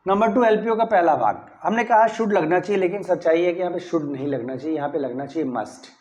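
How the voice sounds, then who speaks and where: High-voiced male grammar teacher. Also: a little fast, darkish tone, highs cut off. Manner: explains step by step, often asks "clear?"; stresses key words when saying model sentences. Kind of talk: classroom-style grammar lesson.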